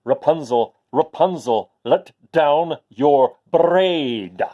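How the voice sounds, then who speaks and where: A man's voice: fairly high pitch, lively intonation, very slow, dull audio. A man voicing a young, lovelorn fairy-tale prince who calls upward, pleading and exasperated.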